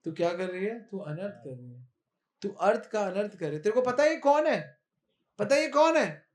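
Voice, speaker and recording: A man's voice: on the high side, moderate pace, lightly acted. A man voicing Balram, a protective elder brother who pleads and then rebukes his mother in a devotional story. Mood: indignant. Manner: pleading, then indignant and loud.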